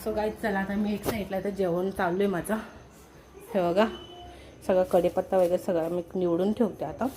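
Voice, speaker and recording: A woman vlogging at home in casual chat, excited and playful as she talks to her viewers. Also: medium pitch, moderate pace, a little hiss or hum. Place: home with a sofa.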